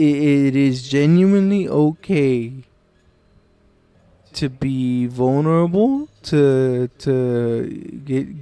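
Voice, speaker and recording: A man's voice: a little high, mellow, clear, resonant tone, dry recording. A man hosting a livestream, giving rambling, exasperated, swear-heavy reactions to another streamer. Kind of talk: casual reaction chat.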